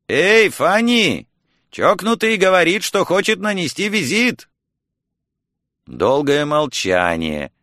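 A man reading a story aloud as narrator, with slow, expressive storytelling. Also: mid-range voice, dry recording, studio quality. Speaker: audiobook reader. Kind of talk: scripted narration.

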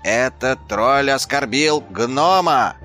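A man's voice: expressive, slow pace, pushed and bright, soft background music. A man voicing an indignant, quarrelsome male dwarf who complains and pushes. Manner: shrill, complaining, pushy.

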